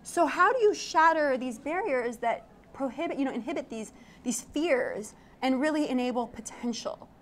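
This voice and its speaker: A woman's voice: high voice, expressive, normal speed, slight background noise. A young woman from Iraq, an architect and tech founder, chatting animatedly as an interview guest and laughing often. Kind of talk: casual interview chat. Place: event studio.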